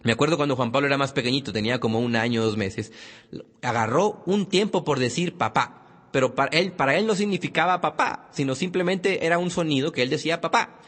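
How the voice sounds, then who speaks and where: A man's voice: on the high side, a little fast, fairly bright tone, long reverb tail. A man giving a motivational parenting talk, speaking emphatically and addressing parents directly. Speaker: parenting lecturer.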